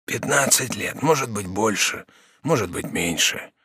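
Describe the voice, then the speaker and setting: A male audiobook reader voicing a dying old prisoner in his sixties who speaks slowly, quietly and wearily. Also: lowish voice, lively intonation, vocal fry, slightly rough, dry recording, studio quality, heavily acted. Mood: resigned. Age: 60s. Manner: slow, hushed, sighing. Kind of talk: audiobook character reading.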